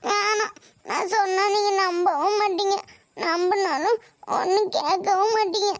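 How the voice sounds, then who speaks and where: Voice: very high voice, steady tone, unhurried, no room sound. A performer voicing a tearful, sulky young schoolgirl in a cartoon, who whines and complains. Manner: whiny, crying and complaining. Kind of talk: cartoon voice acting.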